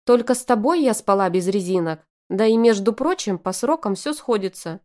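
A woman voicing a shrill, scheming young woman who shrieks indignantly at her ex. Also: animated, moderate pace, a little mellow, lightly acted.

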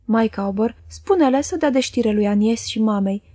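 A woman voicing a falsely humble, fawning young male clerk in a storybook reading, speaking softly and low. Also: no echo, studio quality, lightly acted.

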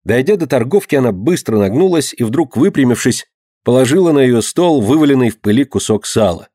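Male narrator, mid-pitched, measured and expressive, dry close studio read. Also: no echo. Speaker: audiobook narrator. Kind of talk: scripted narration.

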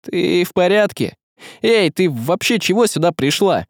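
A man voicing a brash, quick-tempered young man who speaks bluntly in modern slang. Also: high voice, sing-song, dry recording, clean studio sound, voice pushed up, heavily acted. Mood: worried.

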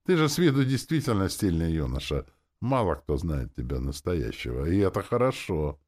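A man's voice: sits low, big pitch swings, a little mellow. A man voicing a composed middle-aged woman teacher, stern but kind, in an audiobook reading. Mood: cheerful. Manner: composed, measured.

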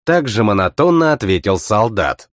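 Male narrator, expressive first-person fantasy reading, animated delivery. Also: on the low side, moderate pace, dry recording, studio quality. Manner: expressive, voices every character himself. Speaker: audiobook narrator.

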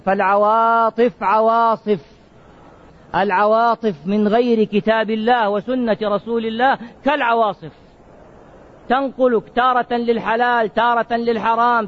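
A man preaching with a high voice, on a muffled, lo-fi recording. He keeps asking his listeners questions and answers them himself. He slows down hard and stretches out the words he wants to stress. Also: slight background noise. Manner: questioning, drawn-out emphasis on key words. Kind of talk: sermon.

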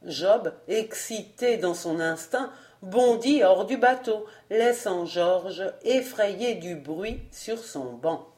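A woman reading a classic novel aloud as an audiobook narrator, measured and deliberate. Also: mid-range voice, lively intonation, darkish tone.

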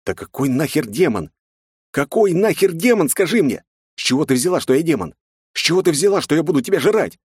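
A man's voice: medium pitch, expressive, fast talker, few pauses, a little mellow, breathy edge, no room sound, clean studio sound, pitched above the performer's own voice. A man voicing an exasperated, blunt young man who swears as he argues. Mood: indignant. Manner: exasperated and coarse.

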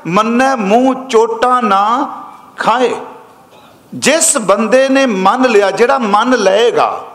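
High-voiced man preaching in echoing hall. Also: a bit bright. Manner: slow, measured chanting of verses between plain explanations. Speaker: preacher giving scripture commentary. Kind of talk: sermon. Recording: echoey hall reverb.

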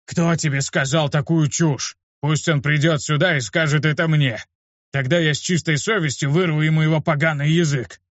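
A man voicing a gruff, irritable adult teacher who barks bluntly and coarsely, in a dull, dry recording. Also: a little high, fairly even intonation, moderate pace, no room sound, voice pushed up, close to an everyday voice. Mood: shouting.

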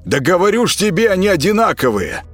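Man putting on a high, brash foul-mouthed patient. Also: very animated, a little slow, soft background music, exaggerated voice. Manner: brash, yelling insults. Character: rude, arrogant male psych patient, 42.

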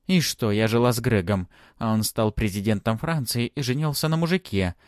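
A man voicing a capricious young woman who loudly demands to be married. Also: normal speed, dry recording, studio quality, close to an everyday voice. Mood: demanding. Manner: shrill, demanding.

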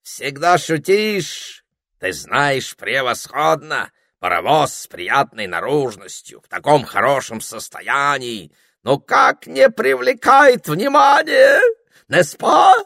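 A man's voice: animated, slow, bright, forceful tone, no echo, studio quality, heavily acted. Madame Hortensia, a man doing a shrieking French engine. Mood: flirtatious. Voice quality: husky, shrill, theatrical. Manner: dramatic, squealing, flirtatious. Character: fussy elderly French female steam locomotive.

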